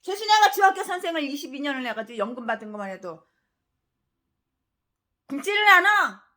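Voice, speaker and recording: A woman in her sixties preaching a sermon as a pastor. She rants scornfully, fires off rhetorical questions and swings between loud outbursts and low mutters. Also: big pitch swings, rapid-fire. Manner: fiery, ranting, scornful.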